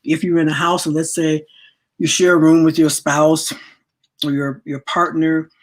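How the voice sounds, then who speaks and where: A late-sixties spiritual wellness teacher chats casually with her workshop audience in a low voice with little pitch movement, at a normal speed. She tends to repeat words as she searches for them.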